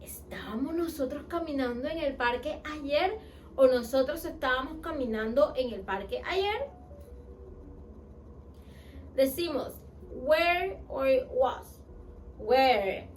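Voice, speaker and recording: A woman teaching an English lesson who asks the learner questions, answers them herself, and repeats example sentences slowly. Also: high-pitched, expressive, a little hiss or hum, rough recording. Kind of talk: online language lesson.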